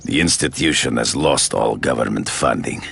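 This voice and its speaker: A deep, gravelly, menacing hunter villain. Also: male voice, expressive, a bit bright, exaggerated voice. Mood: grave, resigned. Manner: grandiose, deliberate, formal dramatic phrasing. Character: proud obsessive villainous big-game hunter, menacing and theatrical. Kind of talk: dramatic video game villain acting.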